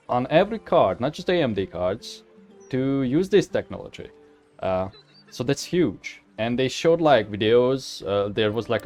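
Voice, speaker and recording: A man hosts a game playthrough in a mid-pitched voice. He talks casually and informally, rambling and correcting himself as he goes. Faint music sits behind him. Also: warm tone. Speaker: gaming video host.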